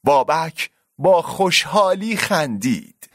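A man narrating a scripted story with expressive delivery. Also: a little high, no room sound, studio quality.

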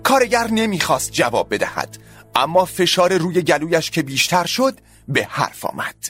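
A man narrating a story in an expressive, dramatic audiobook style. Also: fairly high pitch, soft background music.

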